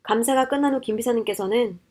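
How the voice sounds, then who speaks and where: Woman narrating a story, fairly high voice. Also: quick pace, darkish tone. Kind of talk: scripted first-person story narration.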